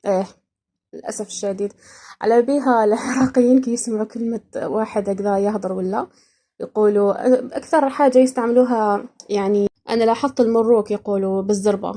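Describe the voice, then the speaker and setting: A woman's voice: mid-range voice, fairly even intonation, quick pace, mellow. A young woman from Iraq with an Iraqi accent, hosting a podcast and chatting casually and playfully, laughing often. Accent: Iraqi, speaking Algerian dialect. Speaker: podcast host. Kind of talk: casual explainer chat.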